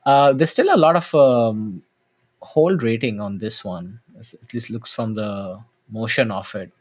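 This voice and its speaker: A man adding points in a casual market chat, halting and often correcting himself as he goes. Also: lowish voice.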